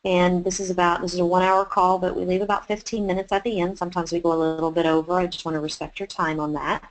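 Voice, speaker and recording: A Texas woman who's a chef hosts a webinar, guiding her audience along in a chatty, encouraging style full of fillers. Her Texan-accented voice is on the low side, her delivery flat and her pace quick. The recording quality is poor.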